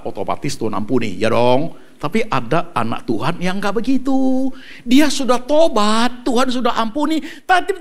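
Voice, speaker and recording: A man preaches a sermon in a high voice. His pitch leaps and dips all over the place, and he keeps the mood light with jokes. He slips English phrases into his preaching as he goes. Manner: animated, joking, mixes English into Indonesian. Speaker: pastor.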